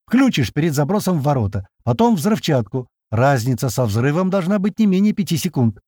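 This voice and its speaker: A man voicing a frantic, bespectacled, curly-haired male technician who shouts orders insistently. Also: big pitch swings, fairly quick, slightly rough, no echo, studio quality. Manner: shrill, insistent, bossy.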